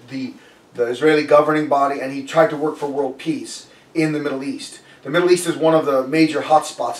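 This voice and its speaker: A man giving a conversational sermon, telling a story in a loose way and often restarting his sentences. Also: a little high. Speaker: preacher. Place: church sanctuary. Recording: echoey room, voice a bit far from the mic.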